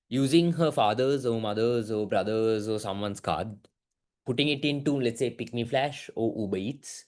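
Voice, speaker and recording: A young man teaching an online business class, asking lots of quick questions. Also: mid-range voice. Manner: lively, keeps asking "right?", mixes in Sinhala words. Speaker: business studies tutor.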